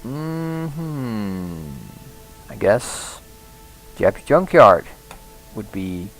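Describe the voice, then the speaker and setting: A man's voice: fairly low pitch, big pitch swings, very slow, fairly bright tone, faint music behind, poor audio. A man casually commenting on a game he is playing, thinking aloud with frequent restarts and small laughs. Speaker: let's play host.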